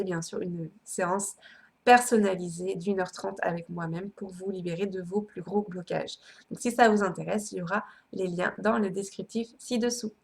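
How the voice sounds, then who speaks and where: A woman coach and psychologist guiding an emotional tapping session, with frequent hesitations and affirmations repeated in a steady rhythm. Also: medium pitch, creaky. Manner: hesitant, many fillers. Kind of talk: guided EFT tapping session.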